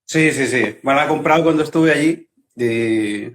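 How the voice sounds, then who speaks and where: A man from Chile talks casually as a guest over a video call. His voice sits at a middle pitch. He rambles warmly through stories, backtracking and restarting as he hunts for the right word. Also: normal speed. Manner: talkative, searching for words with many restarts.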